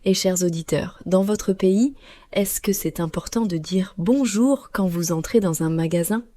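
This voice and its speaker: Warm-voiced woman co-hosting a podcast. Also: lowish voice, a little slow, no echo. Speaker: podcast co-host. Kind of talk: scripted podcast dialogue for learners.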